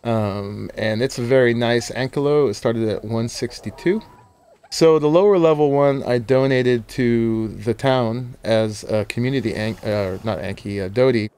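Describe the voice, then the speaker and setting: A man's voice: mid-range voice, measured pace, a little mellow, clear, resonant tone. A male game host chats his way through a survival build, breaking into laughter often. He explains his progress in a loose, friendly commentary style, as if talking to regular viewers. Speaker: game let's-play host. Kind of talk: casual gameplay commentary.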